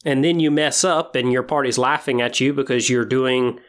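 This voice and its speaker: A podcast host talks straight to his listeners in an encouraging, semi-scripted way about tabletop roleplaying. His mid-range voice keeps a fairly even intonation and a moderate pace.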